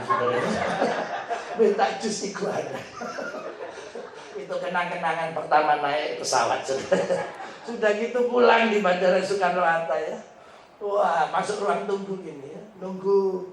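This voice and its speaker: A middle-aged male pastor, preaching a humorous sermon as an animated storyteller who laughs often. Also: high-pitched. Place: large hotel function hall. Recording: echoey hall, mic at a distance.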